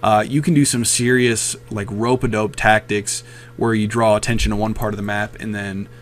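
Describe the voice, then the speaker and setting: A man's voice: on the low side, fairly even intonation, normal speed, background noise. Tired man rambling over a game replay. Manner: rambling, with many ums and uhs. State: very tired, late at night. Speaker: channel host commenting on his own match. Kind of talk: casual replay commentary.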